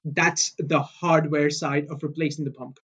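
A man's voice: a little high, level tone, a little slow, a bit bright, husky. A man explaining a product upgrade in an upbeat, salesy way, like an infomercial. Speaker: product specialist guest.

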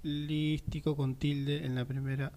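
A man's voice: fairly high pitch, little pitch movement, normal speed, noisy background. A man with an Argentine accent, co-hosting a sports talk show in a rambling, chatty way. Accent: Argentine Spanish. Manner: rambling, chatty, often trails off. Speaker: radio sports host. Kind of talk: casual chat.

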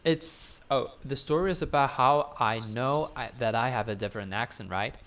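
A man from Taiwan speaking English with a British-influenced accent, a guest in a casual interview chat, using simple phrasing and pausing to search for words. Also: medium pitch, a bit bright. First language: Taiwanese Mandarin.

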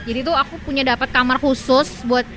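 A woman's voice: sits high, steady tone, brisk, fairly bright tone, slight background noise. A woman from Indonesia chatting and telling personal stories as a podcast co-host, colloquial, with English words mixed in. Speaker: podcast co-host, works in broadcasting. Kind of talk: casual chat, personal storytelling.

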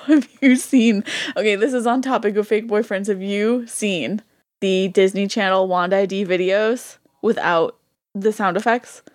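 A woman in her thirties co-hosting a podcast, telling stories in a lively way, laughing often and mimicking other people's voices. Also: medium pitch, measured pace. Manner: animated storyteller, laughs often, imitates voices. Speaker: podcast co-host. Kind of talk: casual chat.

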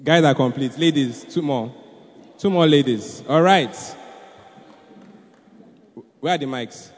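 A man with a Nigerian accent preaches and hosts a church youth event in a large indoor hall, his mid-range voice slow and darkish in tone. He exhorts the room in an animated sermon, repeating phrases for emphasis, all heard through a reverberant hall PA.

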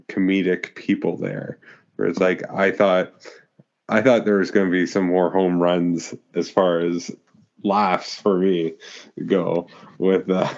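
A man's voice: deep voice, a little mellow, muffled recording. A man co-hosting a casual movie discussion, rambling with many fillers and restarts. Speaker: podcast co-host.

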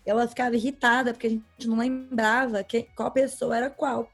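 Woman, frank and emphatic, casual chat, higher voice, soft music behind. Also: level tone, fairly quick.

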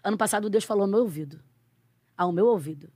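A Brazilian woman missionary sharing her faith story in a conversational interview, acting out quoted dialogue and turning soft when confessional. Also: mid-range voice, fast talker, dry recording. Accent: Brazilian Portuguese. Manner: expressive storyteller who acts out quoted dialogue.

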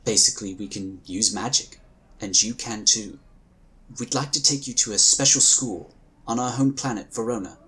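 With a sharp, slightly rough, lowish male voice, an actor fully commits to the character of a courteous inquisitor of a magical order in a sci-fi audio drama. He speaks in formal, measured, polite phrases, sounding reassuring, gentle and welcoming.

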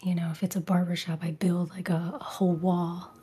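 A woman's voice: fairly low pitch, little pitch movement, brisk, dark tone, breathy edge. A woman who makes ASMR videos, answering interview questions mostly in a whisper, with lots of "like" and "you know".

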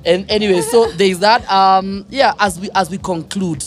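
A man's voice: high-pitched, moderate pace, soft background music. Chatty podcast host man. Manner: chatty, laughs often, teasing. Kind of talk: casual interview chat.

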